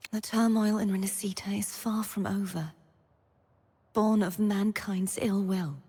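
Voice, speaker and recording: A young woman voices a gentle, earnest, wistful maiden heroine in scripted video game dialogue, speaking softly and breathily at medium pitch. A long reverb trails on her voice.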